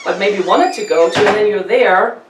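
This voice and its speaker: A man's voice: high-pitched, moderate pace, background noise. German-accented man, chatty, distant roomy sound. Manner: chatty, animated, repeats words often. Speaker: podcast host. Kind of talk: casual interview chat. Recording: roomy distant mic with faint ambience.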